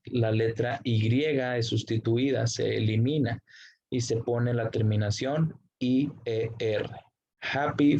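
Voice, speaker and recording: A man teaching an English grammar lesson, slowly explaining the rules, spelling out letters and translating every example. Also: mid-range voice, darkish tone, highs cut off.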